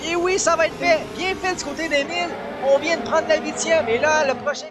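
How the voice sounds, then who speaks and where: A man with a Quebec French accent doing excited, exclamatory live play-by-play as a motorsport commentator. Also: extremely high pitch, a little fast, a crowd in the background. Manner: exclamatory, urgent, repeats names and phrases.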